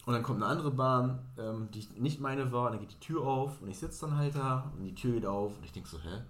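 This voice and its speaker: A man's voice: medium pitch, fairly quick. A man co-hosting a podcast who tells an anecdote in casual chat and acts out the voices of the people in it. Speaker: podcast co-host. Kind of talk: casual storytelling. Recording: roomy echo.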